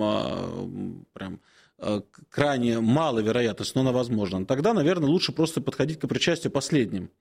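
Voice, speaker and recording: With a creaky, breathy quality to his mid-pitched voice, this Orthodox priest in his forties takes callers' questions on an advice show. He never rushes, hesitating frequently and giving soft, kindly guidance.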